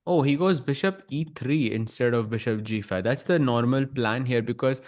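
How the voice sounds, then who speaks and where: A man's voice: medium pitch, normal speed, darkish tone. A man with an Indian accent giving casual analytical chess commentary, explaining as he thinks aloud.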